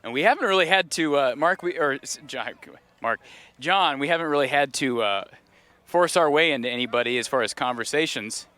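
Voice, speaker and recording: A man's voice: mid-range voice, fairly quick, bright, forceful tone, no room sound. A man giving a chatty, upbeat live report as he walks through an outdoor tailgate lot near a stadium. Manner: upbeat, chatty, interviews passersby. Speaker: on-scene reporter. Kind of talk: live roving field report.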